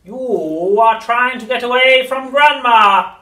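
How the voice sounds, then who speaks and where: A reader voicing a nasty, witchlike old grandmother in a storybook reading, slow and loud with drawn-out gloating words, recorded in a roomy space away from the mic. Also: medium pitch, distant mic, voice pushed up.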